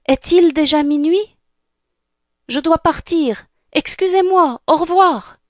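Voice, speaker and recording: A woman voicing a sweet, polite young girl in a storybook reading, with a high, eager voice. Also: slow, a little mellow, dry recording, studio quality. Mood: hurried.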